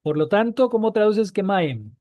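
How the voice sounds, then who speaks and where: A man's voice: sits high, lively intonation, normal speed, no echo, dull audio. A man teaching Biblical Hebrew, repeating key points and asking his students questions. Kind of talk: online class lesson.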